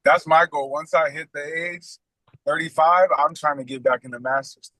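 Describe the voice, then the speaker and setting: Young male coach phoning in from a car while driving. Earnest, bright and a bit higher voice. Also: moderate pace, no echo, low-quality recording. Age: young adult. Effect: talking over a call from a car. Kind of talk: casual group chat on a call.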